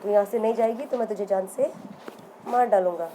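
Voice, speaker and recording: Furious lion king of a storybook, loud and threatening, as a woman teacher puts him on. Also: mid-range voice, brisk, slight background noise, close to an everyday voice, low-quality recording. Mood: angry. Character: angry male lion, king of the jungle.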